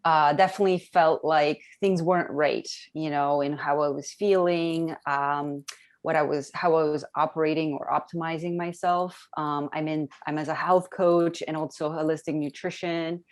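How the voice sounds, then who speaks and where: Low-voiced woman from Romania sharing her story. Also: fairly even intonation, normal speed. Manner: chatty, with many fillers and restarts. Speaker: guest, health coach. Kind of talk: casual webinar testimony. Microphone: video call.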